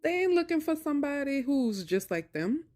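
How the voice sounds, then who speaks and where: A high-pitched, very animated woman speaks at a normal speed with a slightly mellow tone. She's a video creator chatting casually with her viewers about narcissistic abuse, telling a personal story in colloquial language and repeating phrases emphatically for stress.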